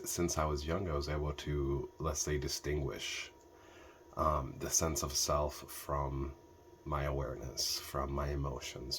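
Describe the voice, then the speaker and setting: A man's voice: rumbling low, a bit bright, a little hiss or hum. A man from Ethiopia giving a reflective meditation talk, thoughtful and hesitant, with many fillers and restarts. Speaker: meditation teacher.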